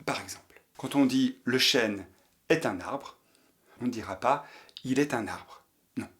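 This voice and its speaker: Teaching French slowly to learners, a man says every example sentence over again with patience so students can imitate it. He has a medium pitch and a slightly bright sound, and his pace is a little slow.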